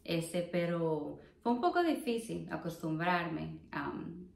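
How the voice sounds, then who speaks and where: Soft-spoken Dominican woman, low voice. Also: animated, slow pace, gravelly, echoey room. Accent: Dominican Spanish. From Dominican Republic. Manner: soft-spoken, hesitant with many fillers. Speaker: guest. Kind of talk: casual interview. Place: living room on a sofa, indoors.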